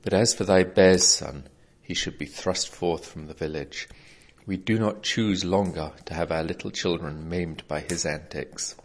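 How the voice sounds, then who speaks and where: Stern village neighbours lodge a formal complaint in old-fashioned words, as a man reads them. The voice is low. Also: unhurried. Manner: archaic, formal speech.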